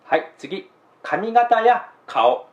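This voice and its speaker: A man hosting a channel, narrating a scripted explainer in a polite, measured way and moving on to each new point with a brisk "okay, next.". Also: high voice, sing-song. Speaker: channel host explaining cultural differences. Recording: roomy, dull lo-fi recording.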